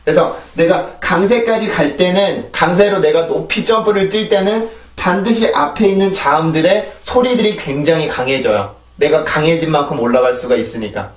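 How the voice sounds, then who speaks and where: A man with a fairly high voice teaches English pronunciation. He explains patiently and models each drill word three times in a row. The sound is roomy and echoey, with the voice set a little back from the mic. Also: normal speed, distant mic. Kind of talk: recorded video lesson, explaining and modeling sounds.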